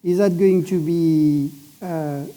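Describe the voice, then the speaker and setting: Dark-voiced man on a conference panel. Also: on the high side, fairly even intonation. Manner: measured, emphatic, restarts phrases. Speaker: panelist, satellite operator executive. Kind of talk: industry panel discussion.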